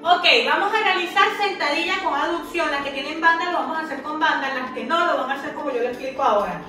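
A woman's voice: high voice, fast, bright, forceful tone. A woman working as a fitness instructor, giving exercise cues and counting repetitions aloud with short, encouraging commands. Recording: echoey room, far from mic, music behind. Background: music.

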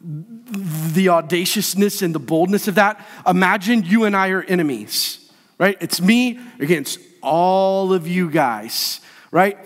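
A male pastor preaching a sermon, animated and playful, acting out scenes with funny voices. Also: sits high, takes it slowly, big-room sound. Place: church sanctuary.

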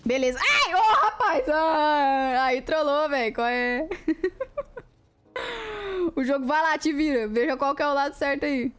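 A woman's voice: high-pitched, fairly even intonation, measured pace, long pauses. A woman with a Brazilian Portuguese accent chatting casually on a live stream, playful and giggly, greeting viewers by name and laughing as she trips over tongue twisters.

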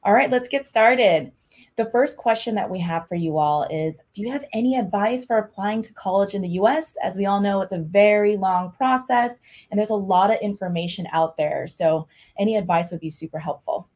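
A woman's voice: mid-range voice, moderate pace, darkish tone. A woman from California hosting an online advice panel, talking in an upbeat, friendly presenter manner. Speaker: host, college and career advisor. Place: home room with shelves. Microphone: webcam video call.

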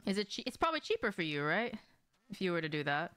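This young woman's fairly low voice is sing-song, quick, a bit bright and smooth, recorded with no room sound. She streams a game from a small room at home, casually chatting to viewers, swearing offhandedly and asking plenty of questions.

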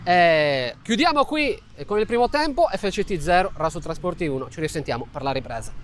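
A man's voice: fairly high pitch, animated, brisk, a bit bright, slight background noise. A man giving live play-by-play commentary on a football match.

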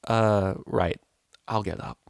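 Brief: hungover unicorn DJ mare, played by a man, drawling slow groans, gravelly. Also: on the low side, steady tone, no echo, clean studio sound. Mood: groggy. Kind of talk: audiobook character voice.

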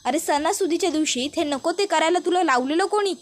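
A stern aunt lecturing her son with warnings, read by a woman storyteller. The voice stays high. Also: fairly quick, slight background noise. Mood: scolding. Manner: scolding, warning.

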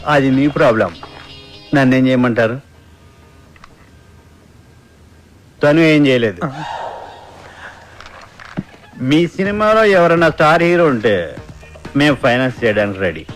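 A man's voice: mid-range voice, animated, faint music behind, close to an everyday voice. An actor playing a smug, businesslike male film financier who talks down to the filmmakers. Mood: dismissive. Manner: slow, businesslike, condescending. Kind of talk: comic film dialogue.

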